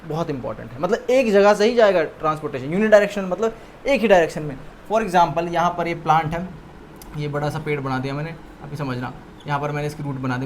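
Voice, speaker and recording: A young Indian man with a high, light voice lectures on school science. He drills key terms over and over and keeps throwing quick questions at the students. A faint hum of background noise sits under his voice. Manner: repeats key terms, quizzes listeners with questions. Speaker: science teacher.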